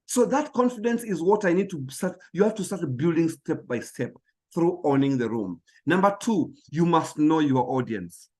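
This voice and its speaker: A man with a high voice delivers a motivational talk on public speaking. He speaks emphatically, hammering on key phrases and often tripping over small words as he pushes on. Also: lively intonation, moderate pace.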